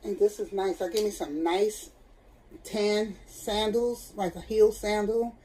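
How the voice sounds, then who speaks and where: A woman's voice: mid-range voice, steady tone, measured pace, dark tone, low-quality recording. Casting: middle-aged woman, candid home vlog chat, faint background hiss. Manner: chatty and candid, talks straight to viewers. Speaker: vlogger. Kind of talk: casual chat. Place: at home, seated indoors.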